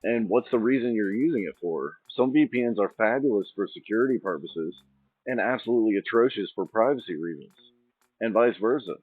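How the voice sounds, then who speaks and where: His voice is lowish, animated and brisk as he hosts his own channel. He meanders casually, often restarting a thought mid-sentence, and the audio is dry and echo-free but tinny and phone-like, with faint music playing.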